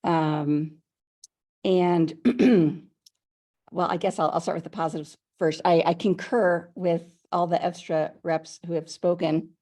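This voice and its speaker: Low, mellow-voiced chatty woman. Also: steady tone, slow pace. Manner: chatty, a bit rambling, self-correcting. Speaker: local homeowner giving public comment. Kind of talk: public comment at a video meeting. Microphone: video call.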